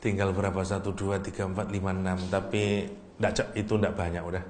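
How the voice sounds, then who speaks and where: A man giving a lively, teasing religious lecture and reciting Arabic verses. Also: deep voice, brisk. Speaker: Islamic preacher. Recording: echoey hall, faint room noise.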